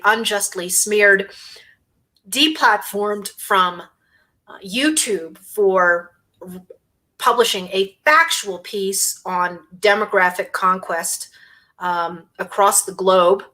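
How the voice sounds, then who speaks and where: A woman's voice: medium pitch, bright, forceful tone. A woman hosting a casual livestream, talking in a sarcastic, scornful way and eating a sandwich between remarks. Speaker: host.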